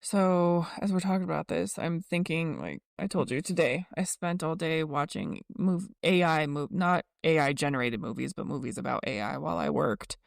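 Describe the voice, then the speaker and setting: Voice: mid-range voice, moderate pace, vocal fry, hardly any pauses, no room sound, clean studio sound. A podcast co-host talking candidly and self-deprecatingly in a casual faith chat.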